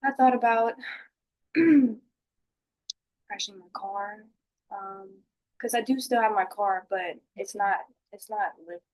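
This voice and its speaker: A dejected, down-on-her-luck woman as acted in a counseling role play confides in a counselor. Her voice is middle-pitched, and she talks in a downcast, halting way. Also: fairly even intonation, darkish tone, lightly acted, poor audio. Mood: hopeless, hesitant. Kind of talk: mock counseling session.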